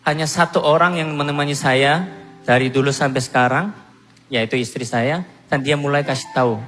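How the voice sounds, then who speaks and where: A man from Korea giving a personal testimony to a church congregation, telling his story in an animated, self-mocking way. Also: medium pitch, moderate pace, long reverb tail, soft background music. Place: church hall.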